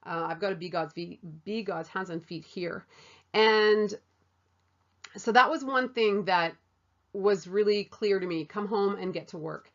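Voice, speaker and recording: A woman tells a personal faith story in an earnest, animated way, acting out what people said and scattering fillers through her talk. Her voice sits at an ordinary middle pitch for a woman. The recording is a little dull and muffled. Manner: animated, earnest, with many fillers and acted-out quotes. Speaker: mission trip volunteer sharing her story. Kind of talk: personal testimony, casual storytelling.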